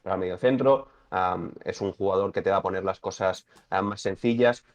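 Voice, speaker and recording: Low-voiced Spanish pundit on dull audio. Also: male voice. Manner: measured, thoughtful, builds points slowly. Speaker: football pundit. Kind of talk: sports talk-show debate. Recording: dull lo-fi sound.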